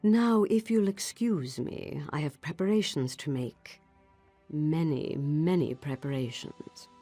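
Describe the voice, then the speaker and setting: A woman voicing an imperious old wizard master in a fantasy game, husky, formal and haughty in a measured delivery. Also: deep voice, mellow, soft background music, exaggerated voice. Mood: stern, proud. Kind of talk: fantasy game dramatic acting.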